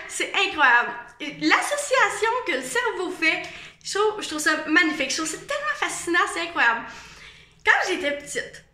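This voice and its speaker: A young woman with a Quebec French accent, chatting casually to camera with lots of fillers and animated asides. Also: high voice. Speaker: vlogger. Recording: echoey room.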